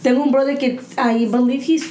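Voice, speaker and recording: A woman frankly telling stories from her childhood in a casual podcast chat, animated and swearing. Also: high voice, fast. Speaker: podcast participant. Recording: echoey room with faint noise.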